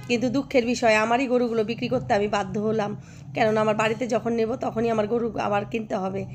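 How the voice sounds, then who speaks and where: A hoarse woman vlogging by a cowshed, chatting affectionately with her viewers and often asking if they follow. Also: a little high, slight background noise. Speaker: village life vlogger. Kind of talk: casual vlog chat to viewers.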